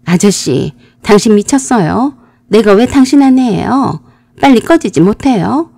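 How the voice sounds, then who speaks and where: A woman voicing a young wife caught lying, who answers in a sharp, scolding way. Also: medium pitch, very animated, normal speed, creaky, no echo, clean studio sound. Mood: shrill defensive.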